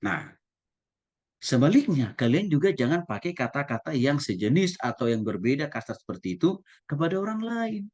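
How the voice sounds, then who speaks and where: Delivering a teaching sermon at a normal speed, this pastor has a voice on the high side. His manner is lively as he quizzes the congregation and acts out examples.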